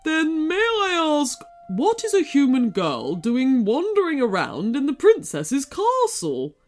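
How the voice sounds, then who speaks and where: A tired griffin courtier in a long robe , played by a woman reading aloud, weary and quick to get flustered. He speaks slowly, and his pitch rises and falls widely. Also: huge pitch swings, soft background music, exaggerated voice.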